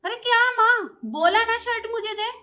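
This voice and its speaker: A woman playing a stern, shrill scolding mother. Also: expressive, moderate pace, sharp tone, full character voice. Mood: bossy. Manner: scolding, lecturing. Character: stern scolding mother, fiercely protective of her daughter-in-law. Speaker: mother and mother-in-law. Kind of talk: short family drama acting.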